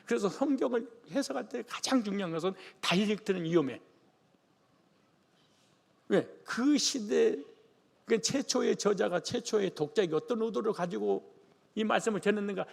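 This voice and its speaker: A man's voice: high voice, gravelly, breathy edge. A male pastor from the Jeolla region of Korea preaching a sermon in a colloquial, joking manner. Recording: long reverb of a large hall.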